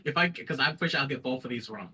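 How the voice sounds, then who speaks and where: Bright-voiced man, casual game show contestant. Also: medium pitch, lively intonation, very fast, slightly rough. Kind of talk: casual chat.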